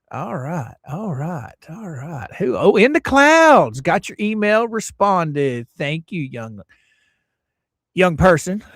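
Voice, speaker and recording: A man's voice: on the high side, fairly bright tone, no echo, studio quality. Chatty American man hosting a livestream. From United States. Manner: greets viewers by name, loose and chatty; opinionated, rambling asides. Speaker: livestream host. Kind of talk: casual livestream chat.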